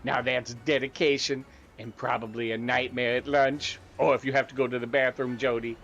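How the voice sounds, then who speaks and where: A man's voice: medium pitch, level tone, moderate pace, creaky, a bit bright, lo-fi sound, slight background noise. A man playing a theatrical, gleefully macabre horror show host, relishing punning, alliterative scripted narration. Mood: campy, admiring.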